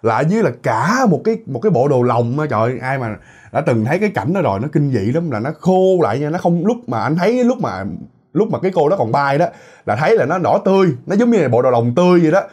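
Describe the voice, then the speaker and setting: A man recounts a ghost story at a rapid clip. His husky voice sits a bit high and swings widely in pitch. He talks chattily to his listeners, peppering the story with exclamations. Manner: animated, chatty, frequent exclamations and tag particles. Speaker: horror story narrator. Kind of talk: casual spoken storytelling to listeners.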